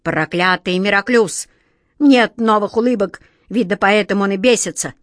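A scheming fairy-tale king who hisses and barks orders at everyone around him. A woman reads him in a storybook recording. He comes across loud and domineering in a dry, close sound. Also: on the low side, normal speed, dry recording, lightly acted. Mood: spiteful. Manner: hissing, commanding, loud.

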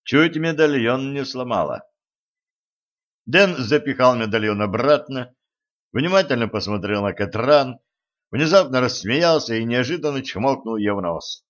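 A man narrating an adventure audiobook in a lively storytelling manner. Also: medium pitch, moderate pace, highs cut off. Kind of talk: scripted narration.

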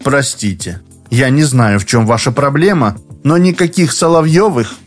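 A man's voice: mid-range voice, moderate pace, soft background music, lightly acted. A man voicing a tearful young woman colleague who speaks coldly and distantly in an audiobook. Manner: cold and distant.

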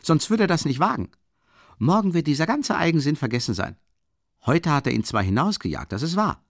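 A man reading the part of a tipsy, loud young man who talks in a booming, boisterous way. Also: very animated, a little fast, creaky, no room sound, clean studio sound, exaggerated voice. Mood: blustering.

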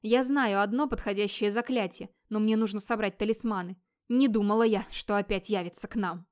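A woman reading the lines of a commanding old wise woman in an audiobook, brisk and firm. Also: mid-range voice, fairly even intonation, a little mellow, natural voice.

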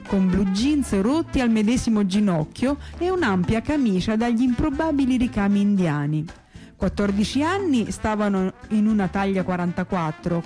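A woman reading a fable aloud on a radio show in a studio, in a calm, steady storytelling manner. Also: mid-range voice. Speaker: radio reader. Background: faint music.

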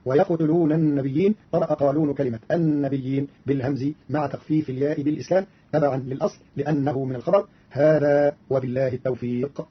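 A man's voice: medium pitch, fairly even intonation, fast, hardly any pauses, husky. A man giving a formal scripted explanation, point by point, on an old radio recording. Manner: formal, didactic, enumerating points. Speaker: radio presenter explaining readings. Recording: dull lo-fi archive radio recording.

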